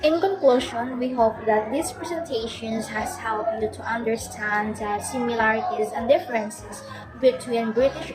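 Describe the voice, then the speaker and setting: Woman presenter, slightly high voice, reads a scripted wrap-up over music. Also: rough recording. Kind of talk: read-aloud closing remarks.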